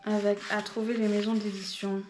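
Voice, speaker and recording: A woman's voice: mid-range voice, level tone, a little fast, roomy sound, over music. A woman chatting casually about the books she bought, hesitating often with fillers. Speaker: book vlogger. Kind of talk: casual book haul chat.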